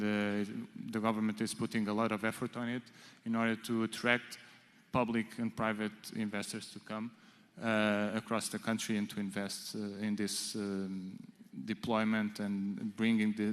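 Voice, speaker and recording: A man answering on a conference panel, halting with many restarts and fillers. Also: fairly low pitch. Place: large conference hall. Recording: reverberant conference hall.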